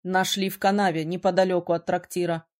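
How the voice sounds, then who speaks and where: A woman voicing a brooding, sharp-tongued young male mage in an audiobook, teasing and gruff by turns. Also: on the low side, flat delivery, brisk, natural voice. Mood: explaining. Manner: teasing, then gruff and commanding. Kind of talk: audiobook character reading.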